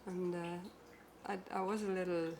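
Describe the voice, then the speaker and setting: A woman's voice: fairly low pitch, level tone, measured pace, a little mellow, slight background noise. A female musician guest speaking reflectively in a casual interview, often adding "you know".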